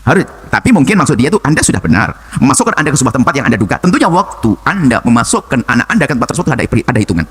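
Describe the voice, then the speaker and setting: An older man preaching a sermon and answering a listener's question, talking in an animated way that jumps from low murmurs to high exclamations. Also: very fast, hardly any pauses, slightly rough.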